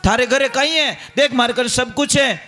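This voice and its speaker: A man's voice: very high voice, moderate pace, bright, forceful tone, soft background music, voice pushed up. A man with a Rajasthani accent voicing a boastful, scolding middle-aged mother-in-law who rattles off grievances during a sermon.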